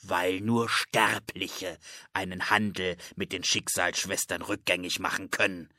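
A man voicing a gruff, brusque old male ice wizard in an audiobook, curt and stern. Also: sits low, flat delivery, pushed and bright, dry recording, clean studio sound, exaggerated voice. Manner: curt, stern, slow at times. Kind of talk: audiobook character voice.

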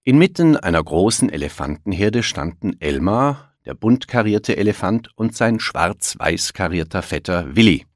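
A man with a very deep voice reading a children's picture book aloud. His pitch moves freely up and down as he tells the story, and the recording is close and dry. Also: normal speed, hardly any pauses, no room sound. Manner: expressive read-aloud storytelling. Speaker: narrator.

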